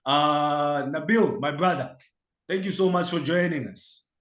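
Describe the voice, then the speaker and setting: Relaxed male host in an echoey room. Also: fairly high pitch. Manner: relaxed and informal, with filler pauses. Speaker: podcast host. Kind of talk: casual show intro and interview.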